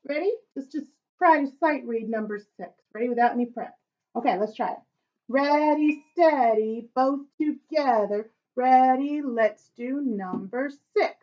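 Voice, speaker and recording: A woman's voice: high-pitched, unhurried, muffled recording. A woman teaching children a recorder lesson, encouraging them and chanting rhythms aloud. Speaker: music teacher.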